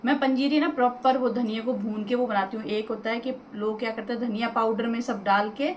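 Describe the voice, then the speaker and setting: A talkative woman, speaking straight to her viewers in a home vlog. Her voice sits a little high, and it bounces around an echoey room with a faint hum of ambience behind her. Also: steady tone, brisk. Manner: chatty, addresses viewers directly. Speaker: vlogger. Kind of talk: casual home vlog chat.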